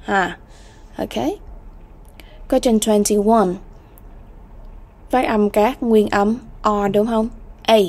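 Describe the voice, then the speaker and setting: A woman teaching an English exam-prep lesson, slowly repeating English words and often checking in with students. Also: medium pitch, steady tone, a little mellow.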